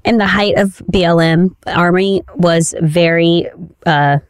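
A woman's voice: lowish voice, steady tone, takes it slowly, dry recording. A woman co-hosting a podcast in casual chat, laughing often and repeating herself for emphasis. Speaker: podcast co-host.

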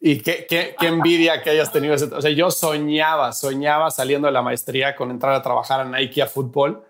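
A man's voice: on the high side, level tone, brisk, fairly bright tone. A man hosting a podcast interview who chats casually and eagerly chimes in with agreement. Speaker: podcast host. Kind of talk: casual chat.

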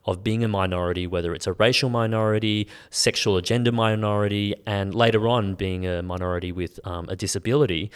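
An Australian man with a fairly low voice talks as a guest on a podcast interview. He is lively and expressive, leaning on ums as he thinks aloud. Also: a little fast, hardly any pauses, clear, resonant tone. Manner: animated, expressive, frequent "um" fillers. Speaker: guest author and editor.

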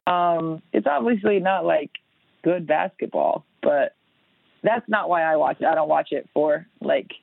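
A woman's voice: sits low, a little slow, gravelly, slightly rough, no room sound. A woman joining a sports podcast panel remotely, easygoing and upbeat, with many fillers. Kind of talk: casual sports chat. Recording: tinny phone line.

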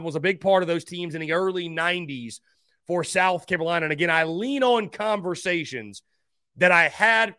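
Higher-voiced man hosting a sports countdown, dry sound. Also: bright, forceful tone, no room sound. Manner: emphatic announcing of each ranking and name, addressing listeners as guys. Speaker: sports host counting down a ranked list. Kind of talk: top-five countdown sports commentary.

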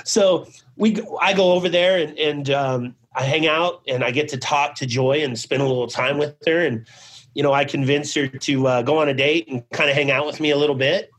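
A man's voice: fairly high pitch, steady tone, moderate pace, a bit bright. Middle-aged man rambling through his story. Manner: rambling, filled with "you know" and "man"; acts out remembered conversations. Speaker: interview guest, business founder. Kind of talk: casual storytelling in an interview.

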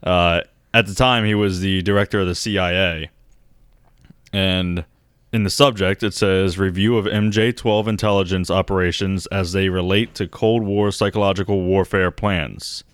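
A man with a low voice co-hosting a loose, profane podcast chat. He laughs easily and slips into mock voices when he quotes people. The sound is dry and close, with no room echo. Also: fairly even intonation, moderate pace, clean tone. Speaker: podcast co-host. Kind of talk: casual conspiracy podcast chat.

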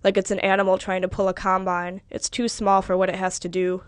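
A woman's voice: medium pitch, fairly quick, clear, resonant tone, dry recording, natural voice. A woman voicing a lonely, weary man who speaks evenly and regretfully, with resignation. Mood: resigned. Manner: even, regretful, hurt.

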